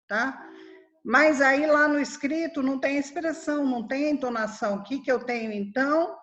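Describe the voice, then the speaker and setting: Slow-paced teacher woman, higher voice. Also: highs cut off. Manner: explanatory, checks in with "tá?" and "né?". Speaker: Portuguese teacher. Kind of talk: online grammar lesson.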